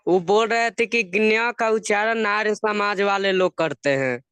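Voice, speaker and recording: A high-pitched man puts a question to his teacher in an online class, speaking slowly and politely. His voice comes through smooth and clear, even though the call keeps cutting out. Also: no echo. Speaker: student. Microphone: video call with a breaking-up connection.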